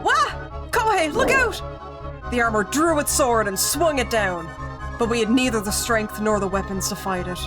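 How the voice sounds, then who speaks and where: Over background music, a female streamer reads a creepy visual novel, alternating steady narration with jokey, excited outbursts. She has a slightly high voice and a moderate pace.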